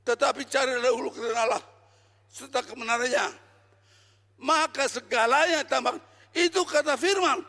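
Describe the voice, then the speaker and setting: An older man preaching a sermon as pastor, emphatic and exhorting, often shouting his points. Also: extremely high pitch, normal speed, creaky, long pauses. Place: church hall. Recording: long reverb of a hall.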